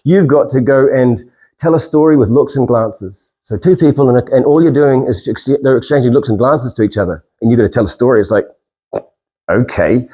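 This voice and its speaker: A middle-aged New Zealand man gives an informal inspirational talk. His accent is Kiwi and his voice is soft-edged and mellow. He speaks in a rambling, self-deprecating way, feeling for his words as he goes. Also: mid-range voice, breathy edge. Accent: New Zealand, with Maori greetings. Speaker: speaker and stand-up comedian.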